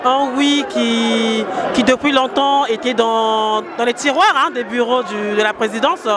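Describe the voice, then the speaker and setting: A woman's voice: a little high, a little slow, music in the background. A woman interviewing protesters in the street, asking insistent questions. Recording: outdoor street crowd and noise.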